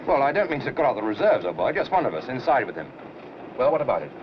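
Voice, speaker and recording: An actor playing an unflappable British gentleman in a 1940s film, breezy and understated in manner. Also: mid-range voice, very animated, fast, lightly acted. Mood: breezy, reassuring. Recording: muffled, noisy old film soundtrack.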